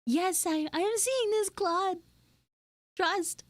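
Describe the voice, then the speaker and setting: Her voice is very high-pitched, and she takes her time speaking, captured in a dry recording. She's a VTuber livestream host, casually and expressively telling stories and roleplaying with her viewers in an informal, exclamatory way.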